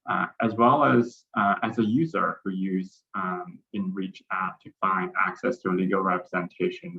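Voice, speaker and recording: Deep-voiced man on a tinny call. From Malaysia. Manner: measured, frequent um fillers. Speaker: panelist. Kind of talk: casual self-introduction. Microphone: video call. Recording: tinny phone-like call audio.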